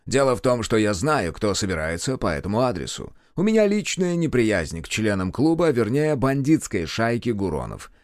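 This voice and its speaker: Cool firm detective, as a male reader voices him, measured, lively intonation, dry sound. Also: fairly low pitch, dry recording.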